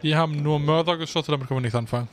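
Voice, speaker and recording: A man giving casual gameplay commentary as a Let's Play host, thinking aloud in a relaxed, chatty way. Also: fairly high pitch, rapid-fire, slight background noise.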